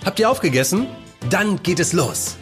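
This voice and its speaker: A man's voice: high-pitched, big pitch swings, moderate pace, over music. An actor playing a friendly, hospitable plantation owner in an audio play, who welcomes his guests and explains things patiently. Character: friendly adult male orange plantation owner.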